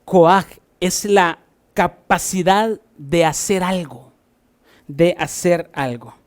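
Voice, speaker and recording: Honduran pastor preaching with loud swells. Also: male voice, slow. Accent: Honduran Spanish. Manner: swings from loud emphatic repetition to soft low asides. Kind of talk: sermon.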